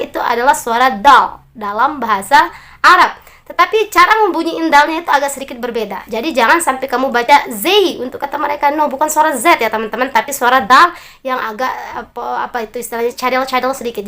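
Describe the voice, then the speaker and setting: A woman with an Indonesian accent teaching a beginners' English lesson, friendly and encouraging, drawing out her example words slowly. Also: high voice, sharp tone. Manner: slow, drawn-out model pronunciations; friendly and encouraging, addresses learners directly.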